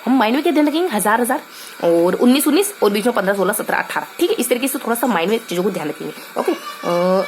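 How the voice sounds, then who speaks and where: A woman's voice: a little high, noisy background. Chatty young woman teaching with memory tricks. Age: young adult. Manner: chatty and playful, thinking aloud with many fillers. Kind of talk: casual Hindi lesson with memory tricks.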